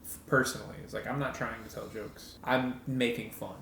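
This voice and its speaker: A young man riffs through crude podcast banter, jumping from loud bursts to mumbled asides. His voice sits in a roomy, echoing space. A faint hiss of noise runs under it. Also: mid-range voice, fairly even intonation, normal speed, gravelly. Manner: loose, riffing, swings between loud bursts and mumbled asides. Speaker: podcast co-host. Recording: roomy home recording.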